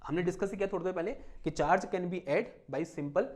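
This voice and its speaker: A young male physics teacher with a voice sitting a little high for a man. He walks students through a hands-on demonstration, firing questions at them and answering his own. When giving notes he slows right down, mixing English terms into his explanation. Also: darkish tone. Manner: asks the class questions and answers them himself; dictates headings slowly, mixing in English terms. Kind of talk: classroom lecture with live demonstration.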